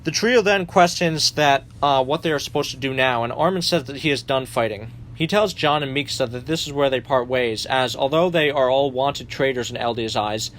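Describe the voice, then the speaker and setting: A man's voice: medium pitch, normal speed, few pauses, fairly bright tone, slight background noise. A young man hosting a commentary video, narrating a story summary in a sardonic tone with occasional swearing. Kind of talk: narrated fan rewrite summary.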